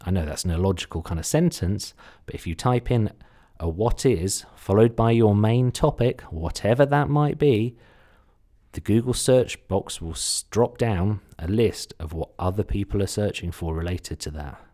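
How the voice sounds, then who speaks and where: Man, low pitch, slight Suffolk English accent, casual how-to podcast, chatty, self-deprecating. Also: moderate pace, warm tone. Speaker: podcast host, content marketer. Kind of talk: casual instructional talk, solo podcast.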